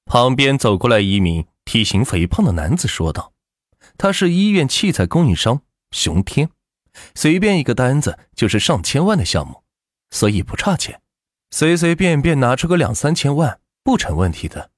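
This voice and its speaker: A man tells a melodramatic story, his voice rising and falling with lively range. The recording is dry and close, with no room sound. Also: medium pitch, normal speed, dry recording. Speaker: narrator. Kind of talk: storytelling narration of a web novel.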